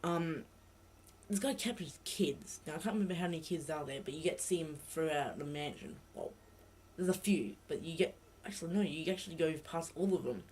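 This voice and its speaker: A man's voice: a little high, expressive, a little fast, darkish tone, a little hiss or hum. A young man with a blocked nose giving rambling, self-correcting let's play commentary into a laptop mic. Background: game music.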